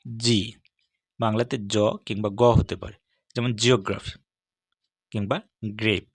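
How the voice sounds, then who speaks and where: A man giving a steady, measured lesson as an English teacher, walking through letters one by one. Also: lowish voice, no echo. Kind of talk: scripted lesson on English consonant sounds.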